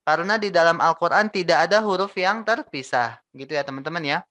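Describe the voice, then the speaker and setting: A young man teaching Quran recitation, patiently repeating and modelling each syllable slowly. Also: on the high side, bright, forceful tone, no room sound. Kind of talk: tajweed lesson with recited examples.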